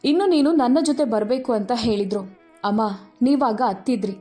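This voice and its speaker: A woman's voice: on the high side, animated, moderate pace, warm tone, soft background music, lightly acted. Woman reading a grave male judge. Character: grown man, a solemn judge.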